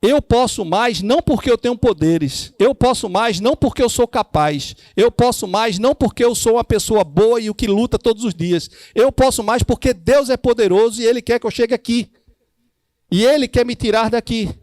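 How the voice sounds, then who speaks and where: A man's voice: very high-pitched, normal speed, darkish tone, no echo. A man with a Northeastern Brazilian accent teaching a church discipleship class, preaching and acting out bits of dialogue.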